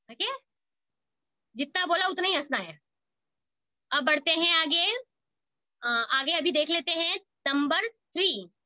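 A woman's voice: sits high, bright, forceful tone, no echo. A woman teaching a school Hindi lesson over a video call, asking questions and answering them herself while coaxing her students. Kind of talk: online class lesson.

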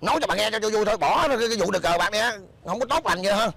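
A man playing a bickering, gravelly beggar husband. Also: sits high, expressive, very fast, pushed and bright, exaggerated voice. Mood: scolding. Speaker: comic actor. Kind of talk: comedy sketch acting.

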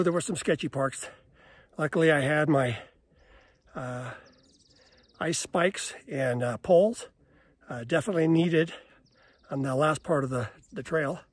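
An older man narrating his own winter hike in a relaxed, plain way, recorded outdoors on a phone held at arm's length. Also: on the high side, dry recording. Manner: relaxed, plain, with fillers and pauses while hiking. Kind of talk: casual narration while walking. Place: outdoors on a snowy mountain trail. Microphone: phone camera held at arm's length.

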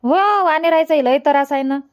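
A woman's voice: sits high, normal speed, no room sound, clean studio sound, lightly acted. A woman playing a fretful, chatty village mother who is unwell.

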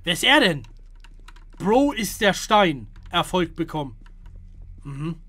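A young man giving casual gameplay commentary to his viewers, jumping between hushed whispers and loud startled calls. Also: sits high, very animated, slow pace. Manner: jumpy, hushed then loud, talks to viewers. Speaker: gaming streamer.

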